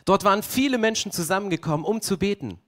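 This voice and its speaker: A man's voice: high voice, quick pace. A young man preaching a sermon, telling the story vividly and asking the congregation rhetorical questions. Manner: lively storytelling, acts out voices, rhetorical questions. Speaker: pastor.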